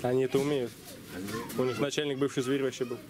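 A man's voice: mid-range voice, little pitch movement, quick pace, crowd noise. A man acting as a citizen activist, talking confrontationally on camera in a sarcastic, taunting manner. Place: indoors, supermarket. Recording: noisy supermarket room, handheld camera.

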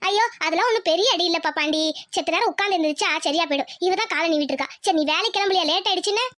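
A woman's voice: extremely high pitch, racing, fairly bright tone, dry recording. A woman voicing an indulgent, fussing village mother in a cartoon, scolding her son fondly. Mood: indulgent, fussy. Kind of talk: Tamil cartoon voice acting.

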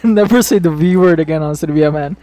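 A man streaming a game, chatting casually and excitably, swearing freely as he talks to his viewers. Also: a little high, normal speed, faint music behind. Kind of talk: casual live-stream chat.

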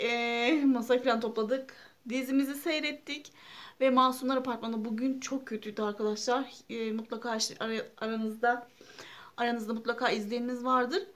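A woman in her thirties chatting casually and homely to her viewers in a home vlog, full of fillers. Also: on the high side. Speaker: vlogger. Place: at home, kitchen then living room.

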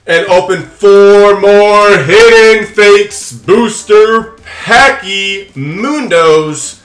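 A young adult man hosts a trading card-opening video at home, chatting casually and playfully with viewers and his pet as he comments on the cards. His voice is high and fairly bright. The small room gives it a reverberant sound.

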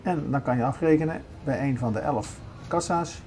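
An older man, working as a vlogger, chats his way through a large supermarket, pointing things out as he walks in a casual shopping-vlog style. His voice is mid-range with a darkish tone at a normal speed, and faint music plays in the background.

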